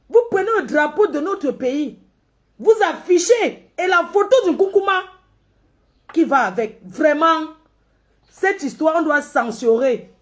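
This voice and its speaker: Woman, Cameroonian French accent, high and unhurried, teasing scolding commentary. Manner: mocking and scolding, laughing often. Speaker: social media commentator. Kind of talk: casual live commentary.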